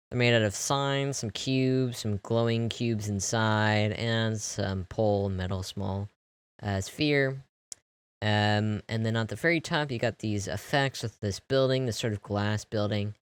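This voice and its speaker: Young man, low smooth voice, casual rambling walkthrough, dry close mic. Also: dry recording. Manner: relaxed, rambling, many fillers. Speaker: video creator. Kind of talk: casual game walkthrough narration.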